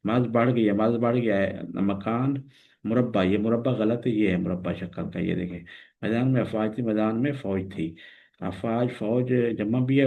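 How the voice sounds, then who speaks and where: A man gives a classroom-style grammar lesson in a fairly low voice. He works patiently through corrections, saying the wrong form and then the right one. The sound is thin and tinny, like a phone line. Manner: explains patiently, repeating wrong and right versions. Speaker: teacher.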